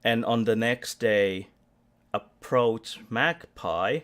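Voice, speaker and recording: A man's voice: medium pitch, very slow, a bit bright. Man, game master, tabletop role-playing game, rambling narration, restarts a lot. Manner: rambling, with frequent restarts and fillers.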